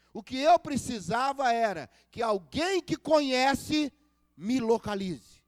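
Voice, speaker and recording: A man's voice: very high-pitched, dry recording, studio quality. A male pastor preaching a sermon at a church service, telling stories and acting out the dialogue, and asking the congregation for responses. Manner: storytelling preacher who acts out dialogue.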